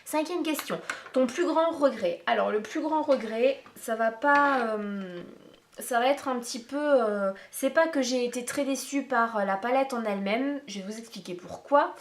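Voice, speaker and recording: A woman beauty vlogger chats casually and at length in a makeup tag video, addressing viewers directly as she meanders from point to point. Her voice is a little high, her pace moderate, and the recording has a roomy echo.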